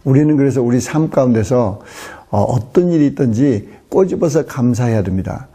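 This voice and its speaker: Dark husky voice of a man preaching. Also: medium pitch, expressive, normal speed. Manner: loud voice; hesitant, many fillers. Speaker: missionary preacher. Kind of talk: sermon.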